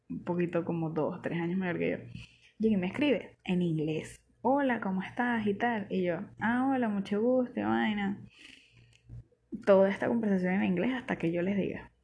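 A young woman from Venezuela with a Venezuelan accent, telling a personal story in a chatty, animated, slangy way. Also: medium pitch, husky. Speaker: vlogger. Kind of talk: casual storytelling.

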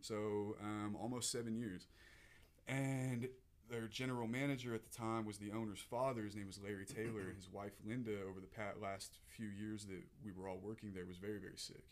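A man's voice: lowish voice, steady tone, a little fast. A man, telling a personal story as a podcast guest, earnest and emotional, often restarting his sentences.

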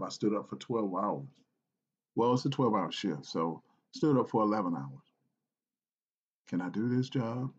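A man from South Carolina telling a personal story in an earnest, halting way, with restarts and repeated phrases. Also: lowish voice, a little mellow, slightly rough, highs cut off. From South Carolina, United States.

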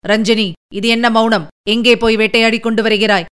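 A woman's voice: fairly high pitch, flat delivery, normal speed, fairly bright tone, clean tone, lightly acted. A woman voicing a scheming older male Buddhist monk, sharply questioning in a storybook reading. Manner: questioning, then wailing in grief.

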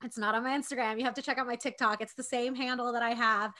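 Bright, bubbly podcaster woman in her 20s. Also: a little high, fairly even intonation, quick pace. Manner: effusive, swears casually. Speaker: podcast co-host. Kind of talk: casual chat.

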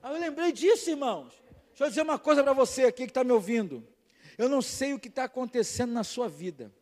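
Male pastor, high voice, fiery sermon, long church echo. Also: expressive, quick pace. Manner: fiery, shouting crescendos, storytelling asides. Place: church sanctuary. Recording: long hall reverb.

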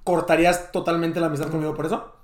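A man's voice: fairly high pitch, level tone, quick pace, roomy sound, slight background noise. A man co-hosting a casual podcast, probing friends with hypothetical questions. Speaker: podcast co-host. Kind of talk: casual chat.

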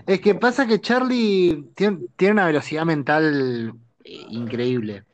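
A man's voice: on the high side, unhurried, lo-fi sound, slight background noise. A young man with a Rioplatense accent, chatting in an easygoing way as a podcast co-host. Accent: Rioplatense Spanish. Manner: easygoing, chatty, laughs often. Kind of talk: casual chat.

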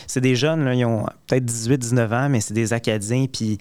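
A man's voice: medium pitch, steady tone, a little fast, a little mellow, clear, resonant tone. A man co-hosting a podcast in a casual chat, with a Quebec French accent and a fondness for doing voices. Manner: chatty, fond of doing voices. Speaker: podcast co-host.

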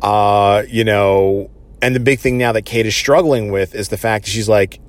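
A man talks through a TV episode recap in a relaxed, unscripted way. His voice sits on the low side, and he rambles, leaning on "you know" and "uh" as he goes. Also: moderate pace. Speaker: TV episode reviewer.

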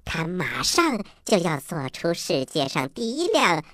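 A man voicing an eager, playful little talking frog with a croaky voice in a children's audio story. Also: a little high, huge pitch swings, a little slow, fairly bright tone, dry recording, clean studio sound, exaggerated voice. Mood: explaining cheerfully. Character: cheerful eager little talking frog, knowledgeable time-machine guide.

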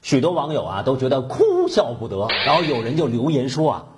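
A man's voice: medium pitch, wildly swooping pitch, fairly quick. A male talk show host delivers a satirical commentary monologue with mocking, chuckling asides. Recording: loud background noise.

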